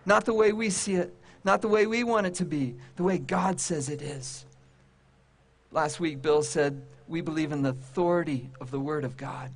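A man preaching a sermon to a congregation, with emphatic, repetitive phrasing and dramatic pauses. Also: on the high side. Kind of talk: sermon to a congregation and online audience.

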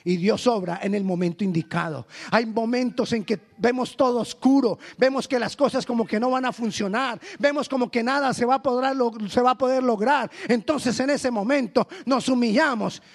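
High-voiced preaching pastor. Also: male voice, moderate pace, few pauses. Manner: preaching with sudden swings between loud exhortation and low quiet asides. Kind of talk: sermon.

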